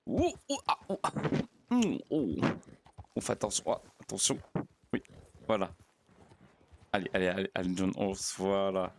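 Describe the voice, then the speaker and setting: A man's voice: deep voice, flat delivery, moderate pace, gravelly, long pauses, slight background noise. A man playing a naive, polite young frontier pastor in an in-character roleplay. He talks to his horse in a formal, fussy way and often stammers and repeats words. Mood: chatty. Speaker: roleplay player.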